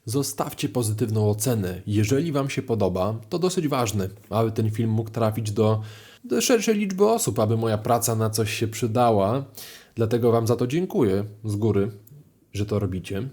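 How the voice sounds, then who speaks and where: A man teaching French grammar in a video lesson, explaining clearly with lively rises in his voice. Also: on the low side, moderate pace. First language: Polish. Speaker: language teacher.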